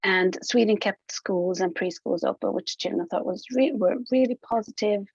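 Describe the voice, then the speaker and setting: A middle-aged woman from Hungary, a professor giving an online conference talk in a relaxed, searching way with fillers and restarts. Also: mid-range voice, moderate pace, husky, dry recording. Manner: informal, thinking aloud with fillers and restarts. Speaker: professor presenting research. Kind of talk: conference presentation. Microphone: online talk over a computer mic. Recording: dull, dry lo-fi audio.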